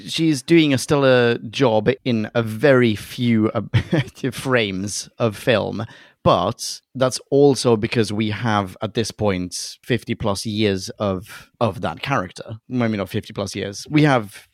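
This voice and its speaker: Male podcast co-host, animated casual chat, dry close sound. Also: slow pace, no echo. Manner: animated, acts out imagined dialogue in a high mocking voice.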